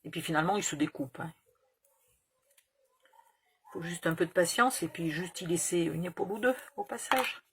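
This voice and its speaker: Speaking at a moderate pace with frequent pauses, a woman in her fifties has a fairly low, breathy-edged voice as she hosts a crafting tutorial. She chats casually while crafting, meandering through a story and swearing now and then.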